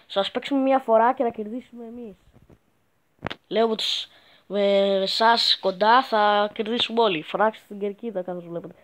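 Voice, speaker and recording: Guy with a highish voice doing silly crude game commentary, yells when excited. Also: a little hiss or hum, low-quality recording. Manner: joking, crude, bursts into excited shouts. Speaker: gaming YouTuber. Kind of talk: gameplay commentary.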